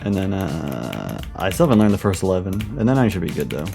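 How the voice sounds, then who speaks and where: A man's voice: sits low, sing-song, fast talker, gravelly, dark tone, soft background music. A man streaming a game, chatting casually in a blunt, offhand way. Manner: blunt, offhand, says "dude" a lot. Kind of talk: casual gaming stream chat.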